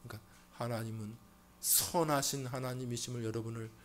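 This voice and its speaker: A male pastor preaching a Sunday sermon, asking rhetorical questions and swinging from loud exclamations to hushed, slow emphasis. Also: medium pitch, fairly even intonation, slight background noise.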